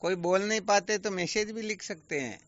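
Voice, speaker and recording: A man's voice: high voice, moderate pace. A man acting as a spiritual teacher, giving a patient, explanatory online discourse full of rhetorical questions. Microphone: video call. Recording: dull lo-fi online call audio.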